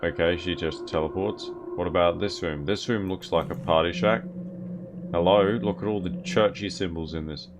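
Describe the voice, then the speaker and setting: A man's voice: sits low, normal speed, background noise. A man hosting a gaming video with casual let's play commentary.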